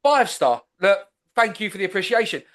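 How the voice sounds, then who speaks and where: A man hosting a comedy podcast in easy, rambling chat. His voice sits quite high for a man, and he talks in a loose, chatty way, often restarting his sentences. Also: very animated, brisk, a bit bright. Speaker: podcast host.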